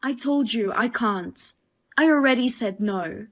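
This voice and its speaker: A woman telling a drama as the narrator and wife, in a calm, measured and firm way. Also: on the high side.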